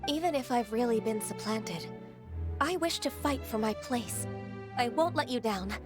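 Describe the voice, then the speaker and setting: A gentle, dutiful young secretary, voiced by a woman in a game, polite and formal in how she speaks. Her voice sits a bit high, with soft music behind it. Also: lively intonation, moderate pace, close to an everyday voice.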